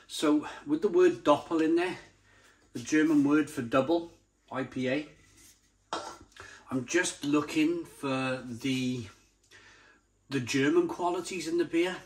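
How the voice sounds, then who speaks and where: Speaking slowly with frequent pauses, this beer review channel host has a slightly high voice and a darkish tone, captured on a rough recording. He chats to camera in a casual, unscripted way, relishing his descriptive words and repeating them eagerly.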